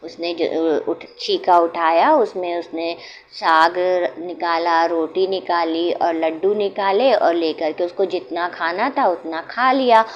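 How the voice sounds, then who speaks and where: A woman narrating a village folk tale in a homely, unhurried way, pausing to explain old customs. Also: on the low side. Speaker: storyteller. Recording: dull lo-fi sound, faint noise.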